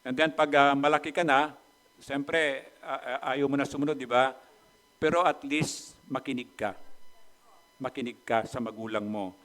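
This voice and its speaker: A middle-aged man from the Philippines preaching a sermon. He often asks the congregation questions, and his voice swings between loud, emphatic bursts and quiet asides. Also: mid-range voice, fairly even intonation, moderate pace. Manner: mixes Tagalog with English phrases, asks the congregation questions. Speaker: pastor.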